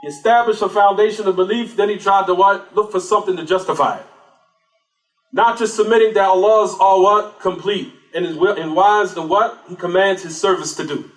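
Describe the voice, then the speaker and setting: An Islamic lecturer delivers a religious talk, repeatedly posing rhetorical questions and answering them himself. His voice is high and a little fast, picked up by a distant mic in an echoey room.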